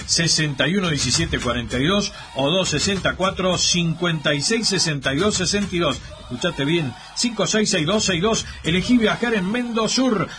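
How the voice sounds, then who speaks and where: A man's voice: on the high side, bright, forceful tone, slight background noise. A man with an Argentine accent reading live radio ads, stressing and repeating the key details. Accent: Argentine Spanish. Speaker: radio co-host and ad reader. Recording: radio broadcast with music bed.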